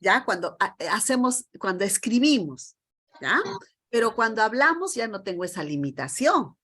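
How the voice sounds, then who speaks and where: A woman's voice: mid-range voice, very animated, moderate pace, fairly bright tone. Lady teacher trainer on a video call, emphatic, keeps asking the group questions. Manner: emphatic, asks the group many rhetorical questions. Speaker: teacher trainer leading a session.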